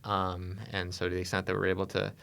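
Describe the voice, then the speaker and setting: A man with a fairly low, gravelly voice talks about his team's plans. He is thoughtful and halting, filling his pauses with ums as he goes. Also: completely flat delivery, fairly bright tone. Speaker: audio production team member. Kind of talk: casual reflective talk.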